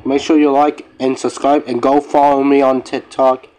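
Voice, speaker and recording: A man making a casual vlog for his channel, talking in a halting, rambling way with frequent restarts and swearing. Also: medium pitch, little pitch movement, darkish tone, low-quality recording. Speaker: YouTuber. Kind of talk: casual vlog rant to viewers.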